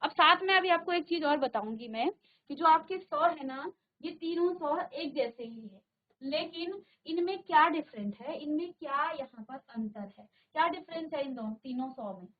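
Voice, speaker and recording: A woman teaching a class, slowly sounding out syllables aloud for her pupils to repeat. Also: high voice, animated, phone-quality sound. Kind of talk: classroom lesson. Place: studio virtual classroom.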